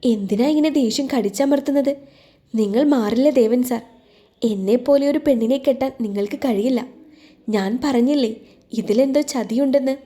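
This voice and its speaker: Timid suspicious young woman in a storybook, hesitant questions, soft mellow tone, as the narrator voices her. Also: on the high side, normal speed, natural voice. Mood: accusing. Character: shy, wary young village woman.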